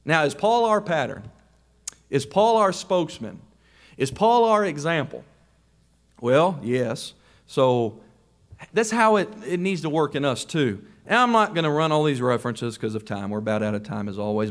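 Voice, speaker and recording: A man's voice: on the high side, sing-song, normal speed. A man preaching a sermon to a congregation, emphatic, often rising on pointed questions.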